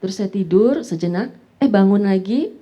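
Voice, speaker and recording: A woman's voice: medium pitch, expressive, normal speed, highs cut off. A woman telling her personal church testimony in casual conversation, often addressing the host as "Pak". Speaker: talk show guest.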